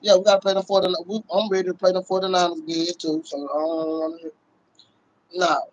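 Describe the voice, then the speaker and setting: Here a fast-talking middle-aged man with a high voice and little pitch movement hosts a sports livestream. The Cowboys fan keeps it casual, slangy and sweary, repeating his catchphrases. The sound is lo-fi, coming from a phone close by in a small indoor room.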